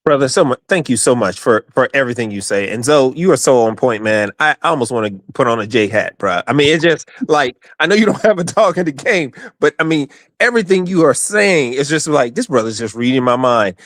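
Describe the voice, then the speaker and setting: A man calling in to a sports show, telling a story in an animated, exasperated way. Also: medium pitch, a little fast, no echo, studio quality. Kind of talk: casual chat.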